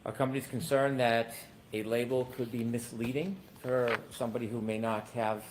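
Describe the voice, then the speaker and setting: A man's voice: mid-range voice, steady tone, normal speed, noisy background. Male attorney questioning in a courtroom recording. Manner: probing questions, hesitant with "um".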